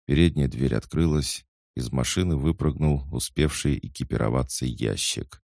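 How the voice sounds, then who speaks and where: A man narrating an audiobook in a steady, scripted reading. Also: very deep voice, normal speed, gravelly, no room sound, clean studio sound.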